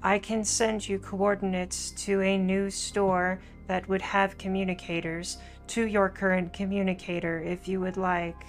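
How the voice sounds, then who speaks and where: A woman voicing a security camera's automated voice, flat and monotone. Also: mid-range voice, unhurried, few pauses, faint music behind, close to an everyday voice.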